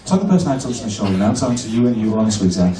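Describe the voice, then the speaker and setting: Bloke doing a rude comedy hypnotist act, voice jumps all over, loud crowd laughing in a big echoey room. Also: male voice, on the low side, expressive, rapid-fire, far from the mic. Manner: cheeky, crude banter with hypnotic patter. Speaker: stage hypnotist. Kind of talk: live comedy hypnosis show. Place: live venue stage. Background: laughing audience.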